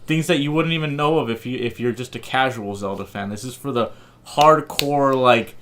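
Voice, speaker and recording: A man's voice: mid-range voice, normal speed, fairly bright tone, slight background noise. A young man talks on a podcast in a mid-range voice. He is blunt and argumentative and swears freely in casual chat. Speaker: podcast co-host.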